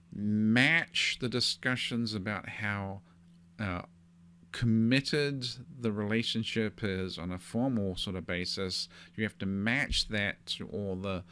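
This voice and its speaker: This podcast host, a middle-aged New Zealander, talks through relationship advice alone, thoughtful and chatty with plenty of hedging fillers. His pitch is on the low side and bright, his tone forceful, with slight noise in the background.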